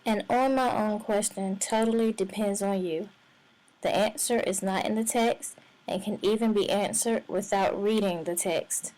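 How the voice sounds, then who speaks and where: A woman teacher giving instructional narration in a clear, measured way. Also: medium pitch, steady tone, a little mellow, rough recording.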